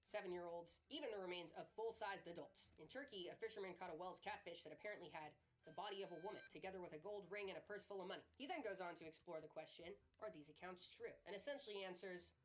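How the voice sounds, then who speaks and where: A woman's voice: lowish voice, fast, few pauses. A young woman hosting a scripted commentary video, profane and sardonic in her delivery. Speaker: host.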